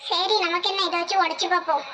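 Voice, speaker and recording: A woman's voice: extremely high pitch, flat delivery, fast talker, background noise. A woman voicing a scatterbrained, talkative woman in a cartoon, speaking with a Tirunelveli Tamil accent. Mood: grumbling.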